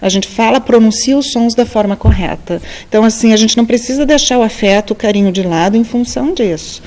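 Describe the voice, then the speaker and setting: A woman with a Brazilian Portuguese accent, a speech therapist guest, explaining in a calm, measured, teacherly way with small fillers. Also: fairly high pitch. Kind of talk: explanatory interview answers.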